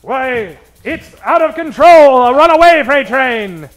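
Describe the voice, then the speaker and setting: A man with a very high, animated, slightly bright voice emcees a live comedy show on stage before an audience, speaking slowly and theatrically in a 1940s radio style and projecting like a showman. The live stage sound is echoey, with soft background music.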